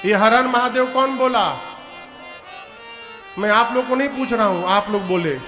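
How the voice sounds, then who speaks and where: A man's voice: high voice, unhurried. A man telling a devotional story as a sermon, voicing the characters and breaking into chant, recorded in a large hall. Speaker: katha storyteller. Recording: echoey hall with music behind.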